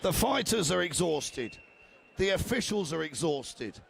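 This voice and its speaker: A man giving excited live fight commentary, often shouting, and losing his voice. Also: fairly high pitch, unhurried, gravelly, breathy edge.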